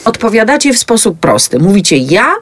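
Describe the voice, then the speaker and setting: A woman's voice: on the high side, very animated, normal speed. A woman hosting a casual interview, playful and teasing with her guests. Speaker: host.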